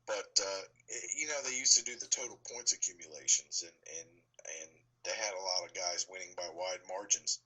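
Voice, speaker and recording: A tired man co-hosting a casual sports talk show, speaking in a halting, rambling way. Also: low-pitched, pushed and bright, slightly rough, rough recording.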